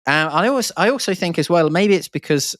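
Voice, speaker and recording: A man's voice: high voice, expressive, brisk, fairly bright tone, no echo, studio quality. A man hosting a podcast, rambling and enthusiastic, with lots of fillers and restarts. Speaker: podcast host. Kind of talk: casual podcast monologue.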